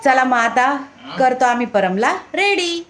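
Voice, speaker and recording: A woman's voice: high voice, lively intonation, unhurried, a bit bright. A young woman chatting through a casual family vlog, doting on and coaxing her small son. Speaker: family vlogger, mother.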